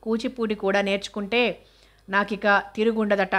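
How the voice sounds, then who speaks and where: A woman reading the part of a gentle teenage student who talks softly and worries about her family. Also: medium pitch, level tone, normal speed, natural voice. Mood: worried.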